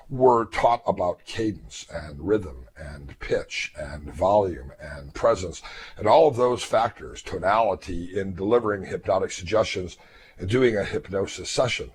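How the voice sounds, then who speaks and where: A man in his fifties, a hypnotist and therapist, speaking earnestly to fellow hypnotists in a measured way, his voice a little weakened after throat surgery. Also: on the low side, darkish tone. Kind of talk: reflective talk to fellow hypnotists.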